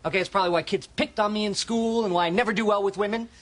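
Chandler, a sarcastic sitcom joker. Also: male voice, high voice, fairly even intonation, very fast, a bit bright. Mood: earnest. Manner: sarcastic, dry wisecracks with stressed punchlines. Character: sarcastic wisecracking young man, anxious joker. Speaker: sitcom character. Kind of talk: sitcom acting. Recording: noisy TV audio with laugh track.

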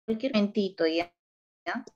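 A woman teacher running an online beginner English class, slow and patient, switching between English and Spanish. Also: mid-range voice, darkish tone, lo-fi sound.

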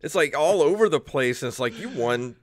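A man's voice: on the high side, a little fast, dry recording. A man in his thirties hosting a podcast over a video call, telling casual stories with lots of laughter. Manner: animated storyteller, laughs often. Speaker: podcast host. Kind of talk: casual chat. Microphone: headset on video call.

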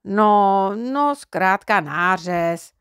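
A woman voicing a cheeky, mischievous little boy who talks slowly, earnestly and folksily in a storybook. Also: medium pitch, lively intonation, fairly bright tone, clean tone, dry recording, clean studio sound, lightly acted.

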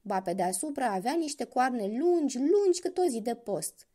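A woman storyteller telling a fairy tale to children, speaking straight to her listeners. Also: on the high side. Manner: lively, addresses the listeners directly.

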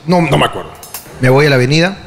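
A man with a Peruvian accent, hosting a comedy podcast, telling a crude story in an animated way, dropping tag questions all the time. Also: a little high, fast, creaky, long reverb tail, slight background noise. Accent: Peruvian Spanish.

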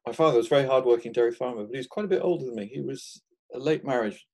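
A man in his sixties from England speaks as an interview guest in an easy, conversational way. His voice is mellow and warm at a middle pitch. He laughs softly between thoughts and often restarts his sentences. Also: racing. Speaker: guest market gardener.

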